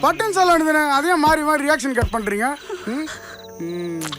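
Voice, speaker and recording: Curt, sarcastic cop. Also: male voice, high voice, very animated, slow, music in the background, heavily acted. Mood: curt mocking. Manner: curt, mocking. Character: curt, sarcastic male police officer. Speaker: police officer. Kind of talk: Tamil film drama acting.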